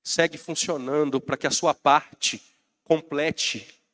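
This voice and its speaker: Slow and steady, a fairly high, slightly bright male voice preaches a sermon with a Brazilian Portuguese accent. The pastor has a bad cold but still rouses and calls out to his flock.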